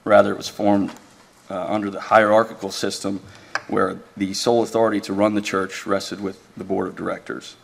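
A man speaking as an attorney, giving a measured, deferential, formal oral argument in a courtroom. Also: lowish voice, flat delivery, gravelly, a little hiss or hum. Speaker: attorney arguing an appeal.

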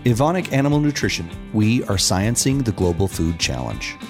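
A man's voice: fairly low pitch, sing-song, moderate pace. A man reading a polished, upbeat scripted promo as the show's announcer. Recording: soft guitar music underneath.

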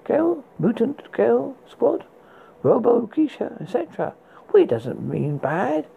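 A performer playing a spooky horror host, reading recommendations in a husky, gravelly voice with a halting, stumbling delivery. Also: mid-range voice, wildly swooping pitch, warm tone, exaggerated voice. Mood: playfully macabre. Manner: halting read with stumbles and repeated words. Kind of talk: scripted horror book and film recommendations read as a horror host.

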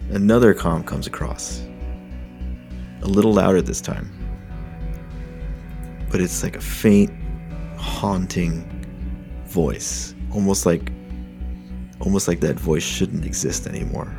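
Brief: deep-voiced man as game master, gravelly narration. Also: slow pace, pauses often, music in the background.

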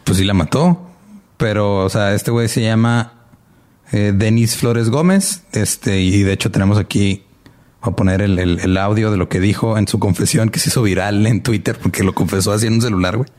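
A man's voice: lowish voice, normal speed, a little mellow. A young man co-hosting a podcast in casual, slangy chat, often laughing. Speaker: podcast co-host.

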